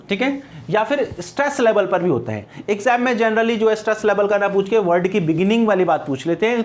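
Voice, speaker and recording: A male English teacher giving an exam-prep lecture, asking rhetorical questions and answering them himself, and slowing down to spell out words and examples. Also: high voice.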